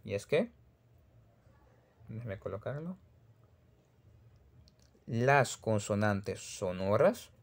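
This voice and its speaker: A man's voice: lowish voice, very animated, extremely slow, long pauses. A man with a Caribbean Spanish accent giving a pronunciation lesson, patiently repeating sample words one by one. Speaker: Russian language teacher.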